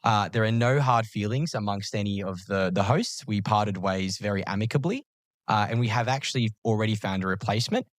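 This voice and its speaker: A man hosting a podcast, joking in a dry, deadpan way. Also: fairly low pitch, brisk, no echo. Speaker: podcast host. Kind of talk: casual podcast chat.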